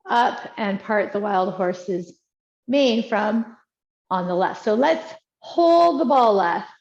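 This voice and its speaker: A woman teaching tai chi, giving calm, encouraging movement cues in short, unhurried phrases. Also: a little high. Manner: encouraging, praising as she guides. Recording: dull, echoey room sound.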